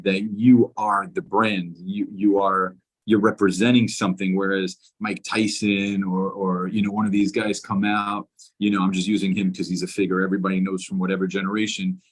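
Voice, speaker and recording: Low-voiced man chatting as interviewer. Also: level tone, moderate pace, slightly rough. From Brooklyn, New York. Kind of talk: casual chat. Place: indoors, on a video call.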